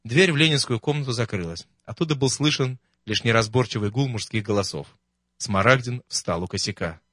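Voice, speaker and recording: A man reading a first-person memoir as an audiobook, in a wry, steady storytelling manner. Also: medium pitch, brisk, dry recording, clean studio sound. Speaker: narrator.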